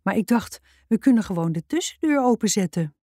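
A woman's voice: medium pitch, lively intonation, brisk, warm tone, no echo, studio quality, natural voice. A woman doing a hesitant, polite teacher. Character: hesitant female teacher of another class. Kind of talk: reading a children's book aloud.

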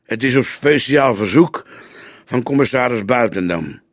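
A man's voice: mid-range voice, expressive, unhurried, no room sound, voice pushed up. A man voicing a grey-haired veteran male detective who speaks in a dry, patient, lecturing way. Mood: wry.

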